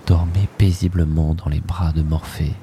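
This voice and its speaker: A man leading a guided sleep hypnosis in a soft, soothing, hushed voice, in short drifting phrases that often sink into a breathy whisper. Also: rumbling low, level tone, normal speed, a little hiss or hum.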